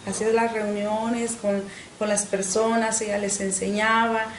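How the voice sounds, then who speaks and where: A middle-aged woman, giving an earnest personal faith testimony in an interview, often pausing on "este" and repeating words. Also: mid-range voice, level tone, reverberant, a little hiss or hum, poor audio. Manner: earnest, with frequent "este" fillers and repetitions. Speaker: interview guest.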